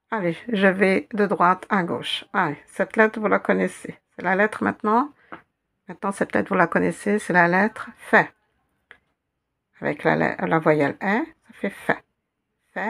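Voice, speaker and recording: A woman's voice: medium pitch, gravelly, a bit bright. A woman teaching a reading lesson, patiently spelling out letters and repeating each word several times. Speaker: Arabic teacher.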